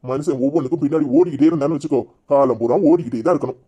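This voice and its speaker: A young village groom-to-be in a cartoon, voiced by a man, talking fast and coaxing in a warm, mellow tone. He lectures gently and promises to smooth things over. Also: on the high side, dull audio, natural voice. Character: mother-obeying young groom-to-be. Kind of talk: cartoon voice acting.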